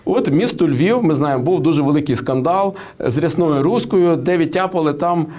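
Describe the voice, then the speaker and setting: Guy, political commentator, lots of ums and restarts, voice sits a bit high. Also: expressive, normal speed, a little mellow. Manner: hesitant, many fillers and restarts, tells anecdotes. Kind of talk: studio interview.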